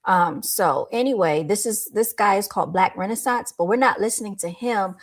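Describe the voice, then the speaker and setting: A woman hosts a casual livestream chat, addressing viewers into a microphone in a light voice. She keeps a medium pitch and a moderate pace.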